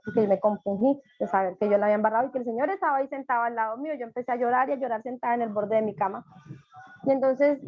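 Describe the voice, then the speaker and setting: A woman speaking from her living room as a church tutor, giving a fervent personal testimony and repeating phrases for emphasis. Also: on the high side. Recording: dull, dry home recording.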